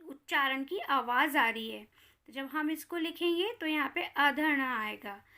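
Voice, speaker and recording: A woman with a high, bright voice teaches young children, talking slowly and clearly. She puts questions to her pupils and answers them herself, sounding out each letter with care. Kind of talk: Hindi grammar lesson for children.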